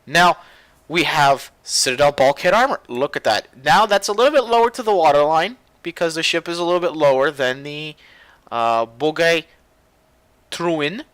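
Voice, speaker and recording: A young man giving casual, rambling gameplay commentary as a video host, getting loud and excited at times. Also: fairly high pitch, moderate pace, clean tone, dry recording. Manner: excitable, rambling, gets loud when animated.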